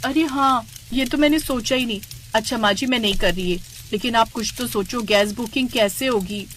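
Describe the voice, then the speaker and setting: A naive young daughter-in-law in a cartoon story, voiced by a woman, pleading and melodramatic. Her voice sits high and loud. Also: normal speed, slight background noise, close to an everyday voice.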